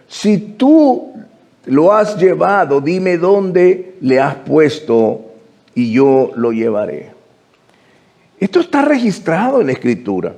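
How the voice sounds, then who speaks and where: A male pastor preaching a sermon with animated delivery, climbing high when retelling scripture scenes.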